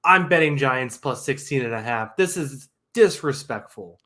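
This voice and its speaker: A man co-hosts a laid-back sports podcast, joking through his picks and laughing between points. His voice sits at a middle pitch in ordinary conversation. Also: animated, normal speed, bright, forceful tone. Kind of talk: casual sports chat.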